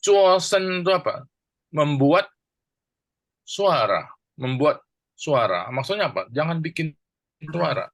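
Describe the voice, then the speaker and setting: A man's voice: on the high side, sing-song, dry recording. A man teaching a Bible verse in a church class, explaining it word by word and asking and answering his own questions. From Indonesia. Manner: slow and deliberate with many pauses. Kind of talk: teaching a Bible verse, mixing two languages.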